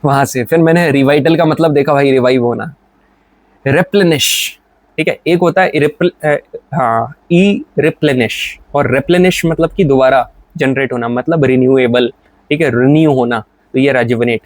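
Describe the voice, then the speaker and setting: A man's voice: medium pitch, normal speed, dry recording. A young Indian man teaching vocabulary in a casual, joking, brotherly way. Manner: chatty, joking, brotherly, with English example sentences. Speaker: English teacher. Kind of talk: casual Hindi vocabulary lesson.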